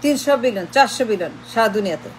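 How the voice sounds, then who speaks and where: A woman's voice: medium pitch, expressive, racing, a little hiss or hum, poor audio. A woman delivering an impassioned political monologue, firing repeated rhetorical questions and switching between Bengali and English. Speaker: political commentator.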